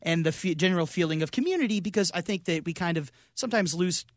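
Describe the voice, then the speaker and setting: A man's voice: high-pitched, expressive, fast, no echo, clean studio sound. A man hosting a podcast, moderating a casual chat and handing turns to the others. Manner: moderating, hands over turns. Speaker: podcast host.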